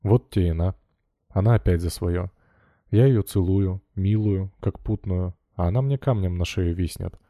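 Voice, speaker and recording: A man's voice: low voice, normal speed, dark tone, dry recording, clean studio sound. A man voicing a brash, teasing young male mill worker in an audiobook, with cocky folk speech. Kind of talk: audiobook character reading.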